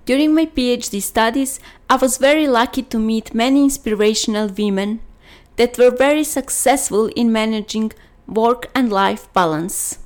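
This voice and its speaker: A woman's voice: a little high, moderate pace, darkish tone. A young woman from Serbia with a Serbian accent, a native Serbian speaker, reading a scripted podcast introduction as host. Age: young adult.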